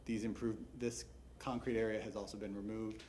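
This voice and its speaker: A man giving a brisk, businesslike, formal case presentation at a public hearing, as a staff member. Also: on the low side, flat delivery, a little mellow. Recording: faint noise, public hearing room.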